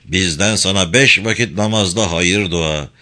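A man's voice: sits low, unhurried, sharp tone. A man doing a stern old sufi sheikh. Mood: solemn commanding. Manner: grave, commanding instructions.

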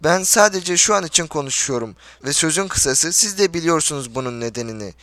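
A man voicing a pompous, blustering older general in an audiobook, indignant and quick to plead. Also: on the high side, expressive, fairly bright tone, no room sound. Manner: indignant, blustering, then imploring. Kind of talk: audiobook character reading.

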